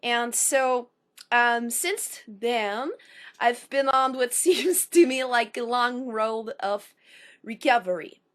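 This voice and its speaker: After a personal intro, a woman in her thirties performs a spoken word poem in a high, bright voice with a sharp edge. She phrases slowly and carefully with pauses between lines, and her slightly unusual speech sometimes gets mistaken for a foreign accent.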